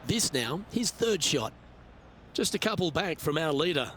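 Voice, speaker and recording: A man's voice: fairly high pitch, very animated, normal speed, a bit bright, slight background noise. A man playing a golf broadcast lead commentator in a video game, reacting to shots in short phrases. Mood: engaged.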